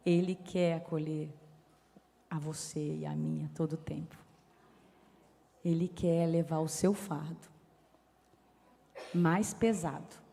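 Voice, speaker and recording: A middle-aged woman preaching a sermon, telling a personal story in an animated way and acting out the dialogue. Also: sits low, slow, vocal fry, pauses often. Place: church hall. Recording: reverberant church hall.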